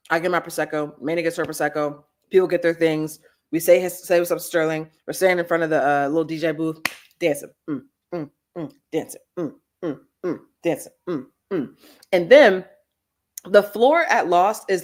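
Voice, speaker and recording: Woman, host of a live chat stream, lively storyteller, slightly low voice. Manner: animated storytelling, big pitch swings. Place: Los Angeles.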